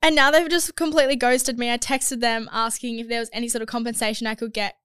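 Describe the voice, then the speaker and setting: A young woman co-hosts a casual podcast, her voice congested from a cold. Her voice is smooth and a little high, and she talks in loose, trailing sentences that she keeps restarting. It is recorded close and dry, with no room sound. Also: little pitch movement, fast, fairly bright tone, dry recording. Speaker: podcast co-host. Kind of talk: casual chat.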